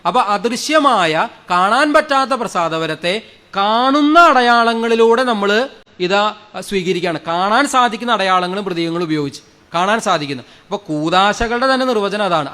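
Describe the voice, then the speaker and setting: Preaching with intensity, a man with a high voice repeats himself and questions the congregation, his volume swelling then dropping. The sermon takes place in a church or prayer hall.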